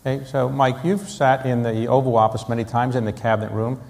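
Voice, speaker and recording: A man moderating a conference panel, firing off quick, jokey questions. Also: medium pitch, fairly even intonation, vocal fry, a little mellow. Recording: long hall reverb.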